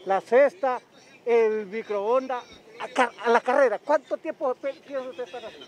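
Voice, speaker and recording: A man's voice: very high-pitched, normal speed. A man with a Honduran accent interviewing people outdoors, probing and sympathetic, sometimes lecturing them. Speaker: reporter. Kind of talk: street interview questions. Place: outdoors at a roadside camp. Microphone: handheld mic.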